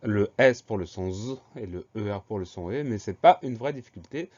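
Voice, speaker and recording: Male teacher, lowish voice, patient and methodical, walking children through spellings; dull, lo-fi recording. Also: lively intonation, darkish tone. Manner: slow, patient, spells words letter by letter.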